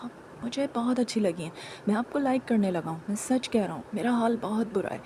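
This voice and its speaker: A woman's voice: a little high, a little fast, warm tone, a little hiss or hum, natural voice. A woman voicing an earnest, lovestruck young man who keeps pleading his feelings in a dramatized story reading. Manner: earnest, repeats his confession insistently.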